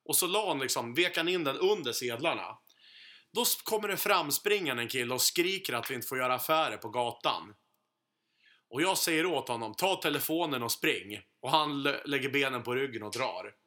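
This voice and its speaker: A man from Sweden in his thirties, a podcast co-host telling a profane, animated anecdote in casual chat. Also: medium pitch.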